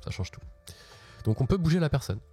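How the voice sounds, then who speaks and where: A man's voice: on the high side, big pitch swings, a little fast, mellow, soft background music. A man hosting a casual live tech walkthrough from his office, chatty and slangy, often restarting his sentences. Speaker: host.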